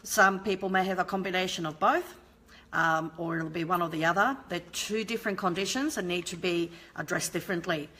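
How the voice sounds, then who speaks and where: A beauty therapist in her forties, with a lowish, sharp voice and a brisk pace, runs a live skincare lesson from a room at home with a lamp and shelf. Speaking into her desk webcam, she explains with lots of ums and restarts.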